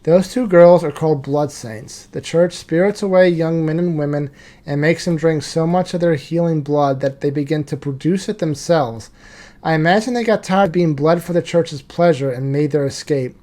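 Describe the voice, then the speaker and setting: A man's voice: on the high side, moderate pace, mellow, natural voice. A man reading the lines of a weary, disgusted townsman from a card game story, in a plain read-aloud delivery. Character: weary male townsman explaining blood saints.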